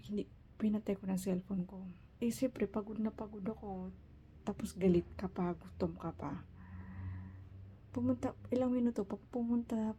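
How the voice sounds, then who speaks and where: A woman's voice: mid-range voice, dark tone, breathy edge. A woman from the Philippines telling a personal story in a casual vlog, emotional, mixing in English quotes. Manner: emotional retelling, quotes others in English, restarts. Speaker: vlogger.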